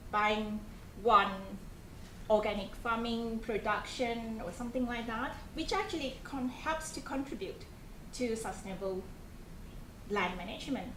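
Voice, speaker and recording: Lecturing in an echoey room with faint background noise, a Malaysian woman with a slightly high, fairly bright voice gives an informal presentation to students. As programme coordinator, she keeps a conversational tone, poses questions to the audience, and often restarts with fillers.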